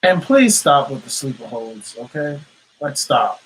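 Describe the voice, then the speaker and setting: A man's voice: mid-range voice, very animated, a little slow, a bit bright, slight background noise, rough recording. A man co-hosting a wrestling talk in casual, slangy style, often chiming in. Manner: slangy, interjecting. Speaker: wrestling podcast co-host. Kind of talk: casual chat.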